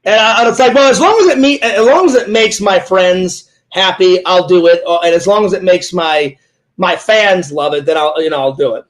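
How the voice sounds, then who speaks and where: A high-pitched man talks fast and eagerly as host, rambling through a story and quoting himself again and again. The chat is loose and informal. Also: low-quality recording. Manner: excitable, rambling storyteller retelling his own words. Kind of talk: casual chat.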